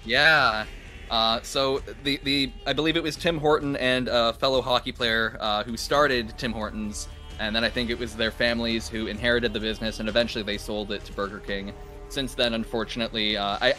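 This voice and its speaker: Canadian guy casting a stream, long explanations, bright voice, music under it. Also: mid-range voice, steady tone, moderate pace. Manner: explains at length, laughs often, restarts. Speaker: esports caster. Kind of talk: casual live-stream commentary.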